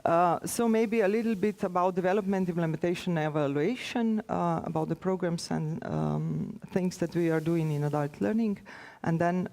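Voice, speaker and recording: Her voice is fairly low and mellow as she, a native Slovenian with a matching accent, makes an informal conference presentation as an official. She hesitates a lot, her speech halting and full of pauses.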